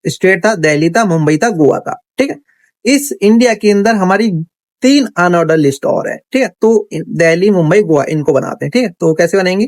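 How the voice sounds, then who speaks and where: A man with a high voice teaches coding over his screen in a dry recording. He's chatty, reasons out loud, and frequently checks with the viewer using "theek hai."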